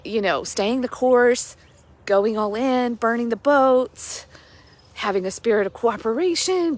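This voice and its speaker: A woman life coach filming herself in a park and retelling a Bible story in a casual devotional chat, full of "like" fillers. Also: medium pitch. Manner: chatty, with many "like" fillers. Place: outdoors in a park at sunrise.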